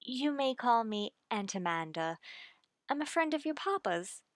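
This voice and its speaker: Woman playing a genteel, inquisitive lady, higher-pitched. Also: a little slow, no echo, studio quality. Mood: gentle coaxing. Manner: polite, genteel, expressive. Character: genteel, sympathetic, inquisitive lady suitor of a widower. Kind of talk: old-time radio drama acting.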